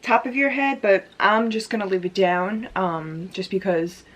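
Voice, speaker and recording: A woman with a mid-pitched voice chats through a how-to, loose and friendly, leaning on "like" as she goes. She talks to a camera set up in front of her indoors, with a faint hiss underneath. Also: a little slow. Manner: chatty, with frequent "like" fillers. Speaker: hair tutorial vlogger. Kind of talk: casual step-by-step demonstration.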